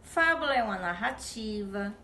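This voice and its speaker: A woman teacher with a Brazilian accent giving a video lesson to young children, speaking affectionately and spelling out syllables slowly. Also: medium pitch, animated, sharp tone, slight background noise. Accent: Brazilian Portuguese. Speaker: primary school teacher. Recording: echoey room recording.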